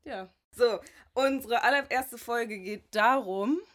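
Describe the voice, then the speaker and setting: A woman in her twenties co-hosting a casual podcast, loud and outgoing, often laughing as she talks. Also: on the high side, slow. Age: 20s. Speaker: podcast co-host. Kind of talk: casual chat.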